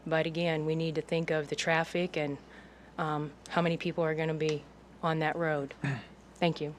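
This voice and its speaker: Woman speaking up at a public meeting, lowish flat voice, bit of noise behind her. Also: normal speed. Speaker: resident speaking at a public hearing. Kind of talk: informal public comment.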